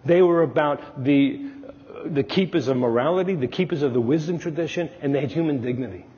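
This middle-aged Jungian analyst from Brooklyn, New York, tells stories at a podium during a conference talk, emphatic and gesturing as he speaks on a large dark lecture-hall stage. His voice is breathy, a bit high, brisk and warm. Captured on a lapel mic, the sound is dull and lo-fi, with long reverb from the hall.

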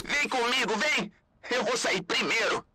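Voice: expressive, unhurried, background noise, natural voice. A performer voicing a cheerful, naive chicken toy mascot in a dubbed video game, eager to play. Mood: eager, inviting. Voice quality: bright, high, sharp.

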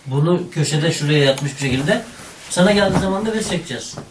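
A man with a fairly high voice directs his friends in a bossy, instructing way. He sounds distant from the camera, in an echoey room with noise all through the recording. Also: lively intonation, quick pace, a crowd in the background. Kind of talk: directing friends on an amateur film set.

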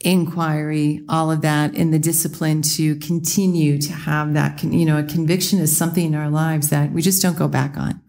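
Woman, very low pitch, mellow, earnest, encouraging, podcast co-host. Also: level tone, moderate pace, few pauses. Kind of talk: reflective casual chat.

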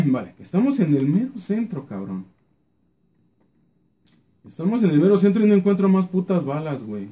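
Excitable Mexican man narrating his gameplay. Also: sits high, moderate pace, long pauses. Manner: swearing, excitable, mutters repeated words under his breath. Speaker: gaming YouTuber. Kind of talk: live gameplay commentary.

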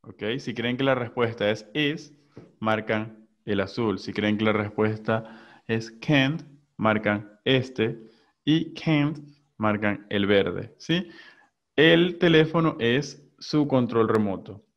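Man teaching English over a dull call line. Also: fairly low pitch. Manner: switches between slow English examples and quick Spanish explanations. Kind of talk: online class.

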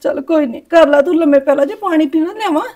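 A woman's voice: high voice, fast, mellow, close to an everyday voice. A woman playing a tender, worn-down mother who keeps comforting her blind daughter with repeated reassurances. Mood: consoling. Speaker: actor in a family short film. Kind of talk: melodramatic village drama acting.

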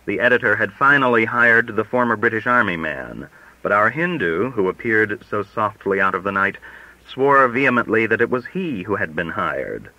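Bright-toned male audiobook narrator. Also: on the low side, expressive, moderate pace, no room sound, low-quality recording. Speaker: audiobook reader.

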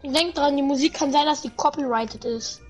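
A woman's voice: sits high, moderate pace, soft background music. A young woman casually chatting and joking with a friend while livestreaming a console game. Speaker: livestream host. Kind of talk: casual gaming stream chat.

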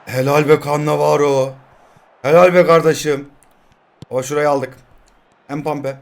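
Young guy yelling at his football game, slightly high voice, drops to mutters. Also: a little slow, creaky. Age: 20s. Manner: excitable, shouts at players, swings between yelling and muttering. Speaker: mobile football gamer. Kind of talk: live gameplay commentary.

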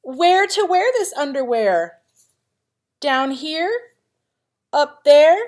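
The vice principal reads to her pupils extremely slowly, her high, darkish voice full of lively intonation. She keeps the picture book playful and dramatic, pausing for chatty asides aimed at the young listeners.

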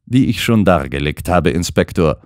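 A man voicing a calm, shrewd gentleman detective who lays out his reasoning in measured, precise sentences, in an audiobook. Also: low-pitched, no room sound, studio quality. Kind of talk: audiobook character voice.

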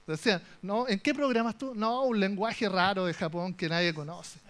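On a conference stage, a young man with a Chilean accent gives a humorous tech talk, animatedly telling his story with jokes and asides. His voice sits high and he speaks at a normal speed, with soft music playing in the background.

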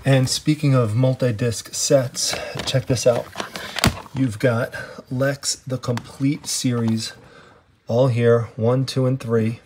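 A man with a mid-range voice and fairly even intonation takes it slowly as he walks through an estate sale house, filming first-person on a handheld camera. A treasure-hunting vlogger, he chats casually, filling gaps with "I mean" and "you know," against a noisy background.

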